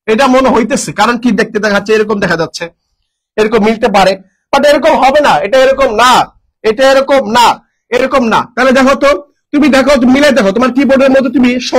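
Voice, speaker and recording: A young male tutor with a very high voice runs an exam-prep lesson at a brisk clip. He asks his own questions, answers them at once and repeats each key word several times. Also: a bit bright, low-quality recording. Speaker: teacher.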